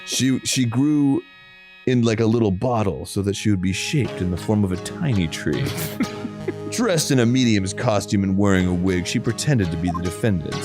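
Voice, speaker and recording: Brief: man hosting a comedic let's play, animated, game music behind. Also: moderate pace. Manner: deadpan, lowered voice when reading lines, crude jokes. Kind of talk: comedic game commentary and reading.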